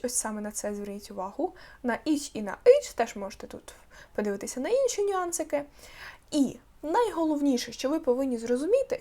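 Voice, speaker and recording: Female language teacher, slightly high voice, patient step-by-step explainer. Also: warm tone. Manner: explains patiently, sounds out words slowly with stress. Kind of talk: online language lesson.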